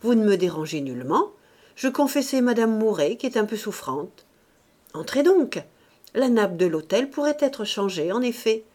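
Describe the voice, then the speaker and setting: A woman's voice: mid-range voice, big pitch swings, moderate pace, darkish tone. A woman reading an audiobook, voicing a severe, proud male priest who speaks sternly. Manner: stern, austere.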